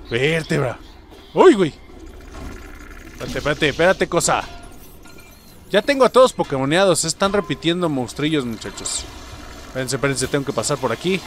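A young man with a Mexican accent, joking and yelling through a let's play of a video game. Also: fairly high pitch. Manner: excitable, jokey, yells at enemies. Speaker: gaming YouTuber.

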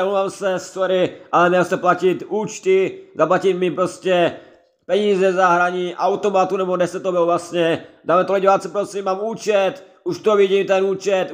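High-voiced chatty gaming man. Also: fairly bright tone. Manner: chatty, repetitive, keeps addressing viewers. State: has a head cold. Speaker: gaming let's-play creator. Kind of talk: casual gameplay commentary.

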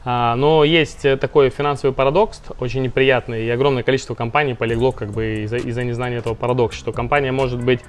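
A man's voice: medium pitch, fairly even intonation, fast, hardly any pauses, clear, resonant tone. A man, founder of a finance company, explaining money matters in a casual interview with lots of fillers and restarts.

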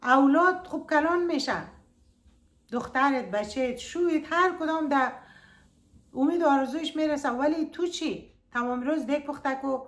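High-voiced woman with an Afghan Dari accent. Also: a bit bright. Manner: pleading, addresses listeners fondly. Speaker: YouTube storyteller giving advice. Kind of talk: earnest advice monologue to viewers.

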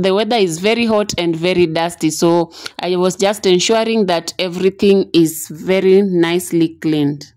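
A woman narrating her home vlog in a relaxed, chatty voice, with frequent filler sounds. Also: fairly low pitch. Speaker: vlogger.

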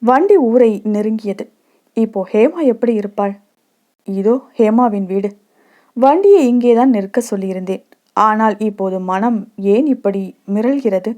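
A woman reading a short love story aloud in a soft, reflective storytelling manner. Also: a little high, expressive, a little slow.

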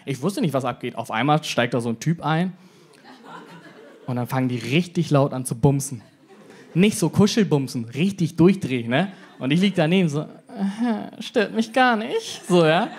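A man in his twenties doing a stand-up set on a club stage, brash and slangy, acting out the voices he quotes. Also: high-pitched. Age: 20s. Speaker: stand-up comedian. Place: comedy club stage with live audience.

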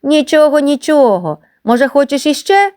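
A woman's voice: high voice, big pitch swings, normal speed, pitched above the performer's own voice. A woman voicing a gang of mischievous schoolboys who tease and boss a newcomer in a storybook reading. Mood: mocking. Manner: taunting, bossy shouts. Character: mischievous schoolboys, teasing and mocking.

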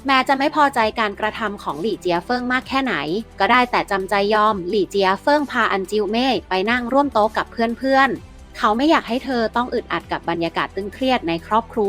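A woman narrating an audiobook in an even, measured storytelling manner. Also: fairly high pitch. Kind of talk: scripted narration. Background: faint music.

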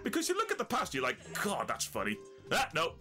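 A man livestreaming a game, his voice bright and fairly high, swinging wildly up and down as he reacts. He talks slowly and swears freely. Faint game music plays behind him. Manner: excitable, swears a lot, loud bursts of laughter. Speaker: let's play streamer. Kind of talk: live gameplay commentary.

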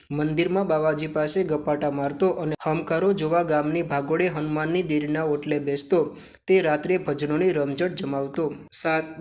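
Gujarati man reading out answers. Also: a little high. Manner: steady question-and-answer reading. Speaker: teacher. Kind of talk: reading textbook answers aloud.

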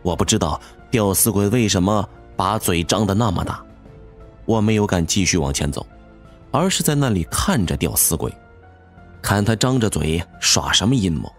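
A man narrating a first-person horror audiobook with an expressive, dramatic storytelling manner. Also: low-pitched, moderate pace. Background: faint music.

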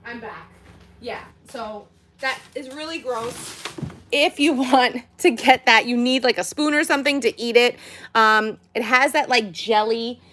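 A woman's voice: on the high side, a little slow, sharp tone. A woman, chatty and girlish, gushing casually as she hosts a toy and candy unboxing vlog. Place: indoors at home, by a tabletop.

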